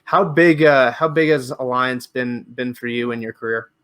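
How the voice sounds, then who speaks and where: A man's voice: medium pitch, moderate pace, fairly bright tone, smooth. A man hosting a podcast, asking long questions with frequent restarts and fillers. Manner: rambling questions with many restarts. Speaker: podcast host. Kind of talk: casual interview.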